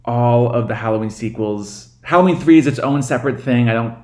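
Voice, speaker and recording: A man's voice: medium pitch, brisk, darkish tone. Rambling, enthusiastic man in casual chat. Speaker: podcast guest, curator.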